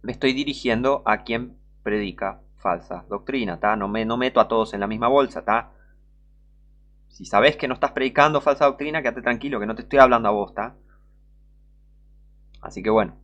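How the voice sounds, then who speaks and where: A man's voice: medium pitch, moderate pace, pauses often, fairly bright tone, muffled recording. A man with a Rioplatense Spanish accent who preaches an online sermon, emphatic and scolding, repeating his points and reading scripture aloud.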